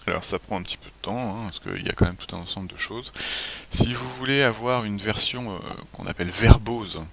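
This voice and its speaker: A man presenting a software tutorial as a screencast walkthrough, relaxed, often clearing his throat and restarting phrases. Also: lowish voice, fairly quick. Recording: faint hiss.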